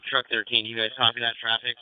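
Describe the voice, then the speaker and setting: Fast, clear American man on fire radio. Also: medium pitch, flat delivery, dry recording, phone-quality sound. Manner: procedural, directive, courteous. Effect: radio transmission. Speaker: fire incident commander. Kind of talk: clipped police-radio style fireground radio traffic. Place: fireground. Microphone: two-way radio.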